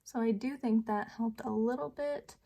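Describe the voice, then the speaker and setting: A woman's voice: fairly high pitch, normal speed, vocal fry, music in the background. Chatty, laughing young woman vlogger. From United States. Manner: chatty, self-deprecating, laughs often. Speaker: beauty vlogger. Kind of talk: casual chatty storytelling while doing makeup.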